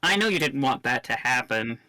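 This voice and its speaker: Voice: medium pitch, animated, fairly quick, bright, forceful tone, no room sound. A player voicing a polite, apologetic eldritch creature working as an office intern in a tabletop role-play. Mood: meek.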